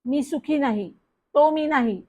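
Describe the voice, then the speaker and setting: A woman's voice: sits high, unhurried, mellow. A woman voicing a flustered young boy protesting on a public telephone.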